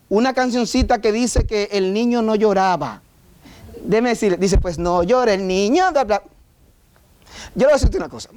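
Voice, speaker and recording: A man preaching a sermon as pastor, emphatic and full of rhetorical questions. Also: very high voice. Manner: emphatic, rhetorical questions, mock voices of objectors.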